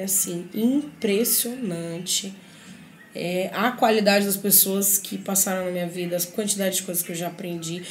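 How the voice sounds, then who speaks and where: A woman's voice: on the high side, slight background noise. Earnest woman sharing her life story. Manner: earnest, reflective, often checks in with listeners. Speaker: speaker giving a personal testimony. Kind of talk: personal life-story testimony. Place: group meeting.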